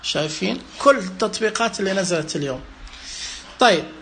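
A man talks through a phone screen in a casual tutorial. He thinks aloud, halting and explaining as he goes, and his voice sits high and bright for a man. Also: lively intonation, gravelly, a little hiss or hum. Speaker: presenter demonstrating a phone app with a screen reader.

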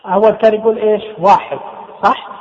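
A man, walking listeners through software settings step by step and repeating key terms. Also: high voice, fairly quick, slight background noise. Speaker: instructor. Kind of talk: screen-reader software tutorial. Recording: tinny phone-like sound with long reverb.

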